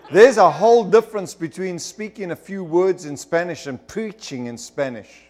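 Preaching to his congregation, this middle-aged man from Zimbabwe delivers a testimony as emphatic storytelling punctuated by fervent bursts. He speaks at a moderate pace in a high-pitched, slightly mellow voice.

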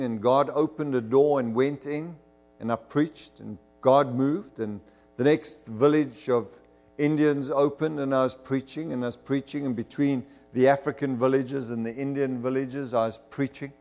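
Here the Zimbabwean preacher, a middle-aged man, has a mid-range voice with a darkish tone. His sermon testimony to the congregation unfolds as forceful storytelling that flares into fervor at times.

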